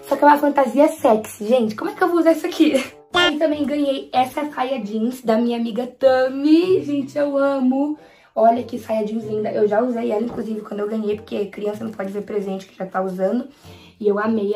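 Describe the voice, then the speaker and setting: At home near her bed, a nineteen-year-old vlogger with a Brazilian accent chats to camera in a gushing, enthusiastic way. Her voice is fairly high and slightly mellow, recorded on a camera with a ring light.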